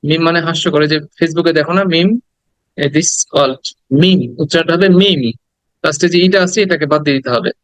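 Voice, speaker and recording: A man teaching English pronunciation in a casual spoken lesson. He says each word slowly again and again and asks the listener to say it with him. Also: on the high side, fairly even intonation, fairly bright tone, smooth, dry recording, poor audio. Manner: drills words slowly, asks listener to repeat.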